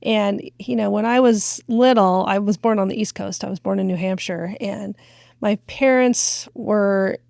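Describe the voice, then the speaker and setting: A middle-aged woman from Washington State tells stories in a relaxed podcast chat. Her pitch sits in an ordinary middle range. The sound is dry and close, with no room around it. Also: unhurried, vocal fry, dry recording. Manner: chatty storyteller, acts out quoted voices. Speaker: radio station executive director. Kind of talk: casual podcast interview.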